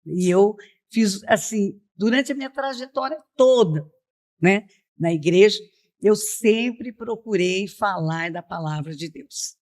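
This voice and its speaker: Slow-paced and a little mellow, this woman's mid-range voice has lively intonation. She is a middle-aged missionary from Piracicaba, in Brazil's São Paulo state, sharing her story as an interview guest on a podcast and frequently adding "né?".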